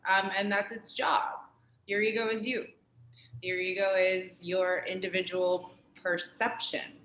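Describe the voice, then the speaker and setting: A woman's voice: mid-range voice, little pitch movement, a little slow, a bit bright. A woman from California, a spiritual guest speaking bluntly and swearing casually. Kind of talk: casual chat. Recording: echoey room with faint noise.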